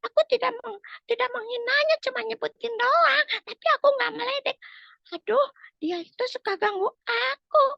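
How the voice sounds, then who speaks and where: A woman voicing an earnest little schoolgirl in a storytelling session for children, in a squeaky childlike voice. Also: normal speed, gravelly, sharp tone, dry recording, dull audio, heavily acted. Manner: earnest, chatty, talks to the young audience.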